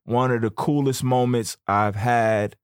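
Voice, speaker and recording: A young man hosting a podcast, telling a story in a casual, slangy, animated way. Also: medium pitch, measured pace, clear, resonant tone, no room sound, studio quality. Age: young adult. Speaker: podcast host.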